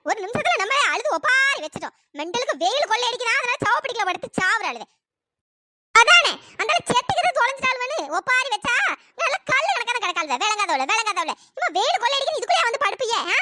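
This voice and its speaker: In a piece of cartoon voice acting, a woman plays a loud middle-aged village mourner who turns scold, shrill and wailing. The lament gives way to sharp, scolding speech, delivered very fast with lively intonation and hardly any pauses. The recording is noisy and her voice is pitch-shifted.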